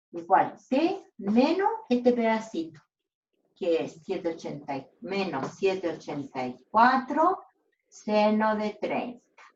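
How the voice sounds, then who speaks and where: A woman teacher slowly solving a physics problem aloud, checking and correcting her own steps. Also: mid-range voice, a little mellow, far from the mic. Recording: dull roomy sound from off-mic.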